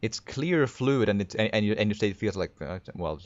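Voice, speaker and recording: This is a horror game playthrough from a Finnish man who makes gaming videos, commenting as he thinks and frequently stumbling into stammered restarts. He speaks fairly quickly in a lowish voice with lively intonation; there's no echo, though the high frequencies are missing.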